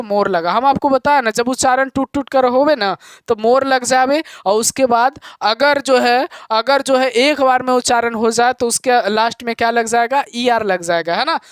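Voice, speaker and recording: A male teacher giving a grammar lesson, explaining slowly and repeating key points to his students. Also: very high-pitched, clear, resonant tone, dry recording. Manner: calls students "my dear children".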